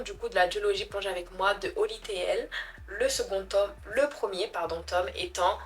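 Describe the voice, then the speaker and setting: Young woman, book vlogger, slow unhurried chat, self-mocking, faint music behind. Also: medium pitch. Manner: chatty, self-mocking, stumbles over foreign names. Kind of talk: casual chat about books.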